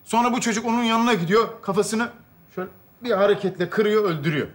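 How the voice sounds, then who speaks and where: An actor playing an exasperated young husband stuck at home, grumbling and sarcastic in a stage comedy sketch. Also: male voice, high-pitched, fast talker, natural voice. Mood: sheepish. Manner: grumbling, sarcastic, laughing through lines.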